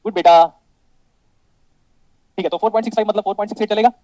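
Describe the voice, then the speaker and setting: A man with an Indian accent teaching electronics in a classroom, mixing Hindi and English. He calls his students "beta", checks often whether things are clear and jokes with them. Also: sits high, fairly even intonation, very fast, mellow, no room sound, rough recording.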